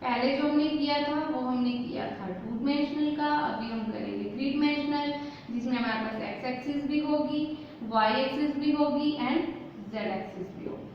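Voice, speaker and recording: A woman with a high voice walks through a chemistry lesson, posing rhetorical questions and answering them herself, slipping English terms into her explanation. The sound rings heavily around the room. The recording is a little dull, with faint hiss behind it. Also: normal speed. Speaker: chemistry teacher. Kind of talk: whiteboard lesson. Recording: echoey room, slightly dull.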